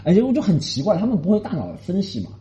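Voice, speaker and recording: A man from Shanghai rambles through a story in a casual podcast monologue, indignant and animated. He talks fast with a lively swinging pitch and a dark, mellow tone. The recording sounds dull and lo-fi. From Shanghai, China. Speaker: podcast host.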